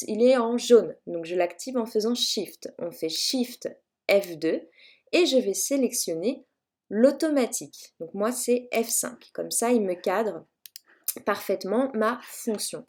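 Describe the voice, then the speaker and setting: A woman teacher with a rather high, darkish voice walks students through a calculator math lesson. She's chatty and self-mocking, using frequent fillers as she explains each step.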